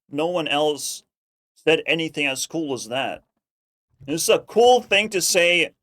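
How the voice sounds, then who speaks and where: A man hosting a reaction video with casual, profane, mocking commentary and drawn-out emphasis. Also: a little high, a bit bright, no room sound, clean studio sound.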